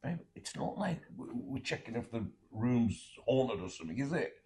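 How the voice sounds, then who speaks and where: A man's voice: mid-range voice, sing-song, normal speed, darkish tone, a little hiss or hum. A man in casual banter with his partner, grumbling and incredulous. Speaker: partner listening and objecting.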